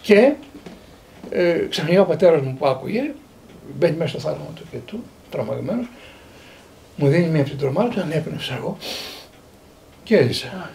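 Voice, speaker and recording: A man in his sixties from Greece, a priest and theologian, tells his own stories in a fairly high voice that rises and falls a great deal. A gravelly rasp runs through his speech. He quotes the people in his stories and often repeats words as he builds to a point. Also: pauses often, slight background noise. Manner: lively storyteller who quotes others and repeats words. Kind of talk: recounting personal memories.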